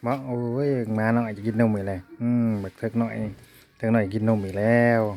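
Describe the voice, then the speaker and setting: A man's voice: on the low side, flat delivery, a little fast, warm tone. Chatty man with an Isan accent. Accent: Isan Thai. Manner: chatty, keeps calling out to viewers as brothers and sisters. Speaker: vlogger filming family life. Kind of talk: casual running commentary to viewers. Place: family home in a rural village.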